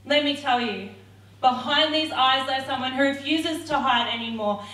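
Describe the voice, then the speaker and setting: A young Australian woman performs spoken word poetry on a theatre stage, her delivery rhythmic and defiant. Her voice is high and a bit bright, at a moderate pace, picked up by a distant mic in a roomy hall.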